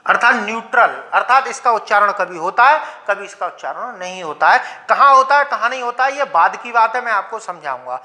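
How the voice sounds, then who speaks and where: High bright-voiced Hindi teacher. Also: male voice, lively intonation. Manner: asks students questions and answers them himself; repeats example words slowly for pronunciation. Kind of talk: classroom lecture.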